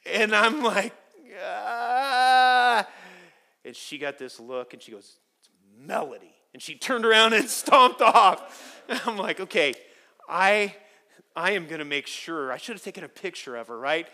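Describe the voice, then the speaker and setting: A man preaching a sermon as pastor, telling stories with animated swings from quiet asides to loud emphasis. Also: sits high, moderate pace. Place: church sanctuary.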